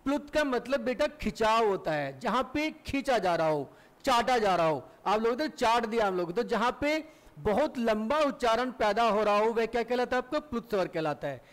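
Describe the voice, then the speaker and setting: A man's voice: very high voice, sing-song, moderate pace. A middle-aged male Hindi teacher giving a classroom lecture, asking the class questions and answering them himself, and stretching vowels to demonstrate.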